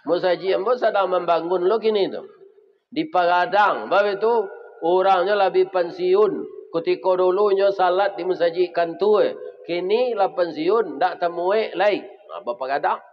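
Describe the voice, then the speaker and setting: A man with a Minangkabau accent, preaching a humorous sermon as animated storytelling with sudden loud exclamations. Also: high-pitched, normal speed, slight background noise. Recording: reverberant hall, dull lo-fi sound.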